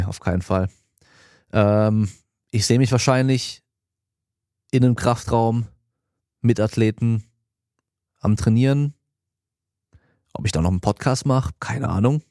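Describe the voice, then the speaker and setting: A man in his early thirties talks casually on his podcast, answering listener questions about training in a direct, slangy way. His voice sits at an ordinary middle pitch, and the recording is close and dry. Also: darkish tone, no echo. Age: 30s. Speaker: podcast host and strength coach.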